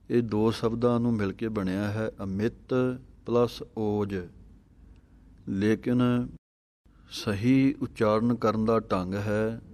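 A man teaching the correct pronunciation of scripture, chanting each verse slowly and then explaining it in a measured tone. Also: fairly low pitch, darkish tone. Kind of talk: slow, careful recitation lesson.

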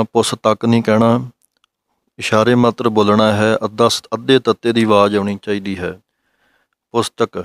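A man gives a pronunciation lesson in a low, even voice that barely rises or falls. He recites each line slowly, then breaks down the sounds. His tone is smooth and clear, recorded dry and close. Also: dry recording. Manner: slow, careful, instructive, recites lines slowly then explains. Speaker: Gurbani pronunciation teacher.

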